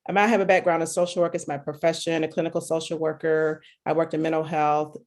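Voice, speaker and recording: A woman from Michigan who works as a clinical social worker, speaking sincerely at an online group meeting with frequent pauses. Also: sits low, flat delivery, a little mellow. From Michigan, USA.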